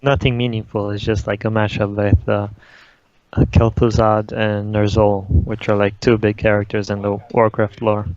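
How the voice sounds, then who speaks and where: A man's voice: lowish voice, little pitch movement, normal speed, a little mellow, dry recording. A young man from Brazil whose first language is Portuguese, answering interview questions in a laid-back way, often saying "like". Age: young adult. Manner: laid-back, uses "like" a lot. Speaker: guest, esports player. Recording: dull, lo-fi audio.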